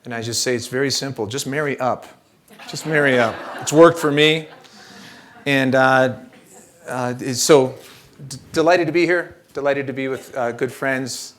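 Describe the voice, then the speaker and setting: A middle-aged man giving a relaxed, humorous keynote talk at a church event, telling stories with frequent fillers. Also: medium pitch, normal speed. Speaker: keynote speaker. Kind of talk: conversational keynote talk with storytelling.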